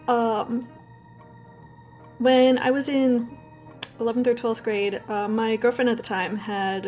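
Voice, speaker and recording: A woman's voice: fairly high pitch, a little mellow. A young adult woman vlogging in a casual, candid, rambling way, telling personal stories and swearing now and then. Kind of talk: casual personal storytelling to camera.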